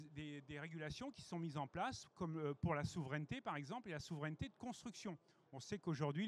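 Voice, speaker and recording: A man presenting at a conference masterclass, explaining in a measured way with frequent hesitations. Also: a little high. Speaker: head of innovation strategy presenting.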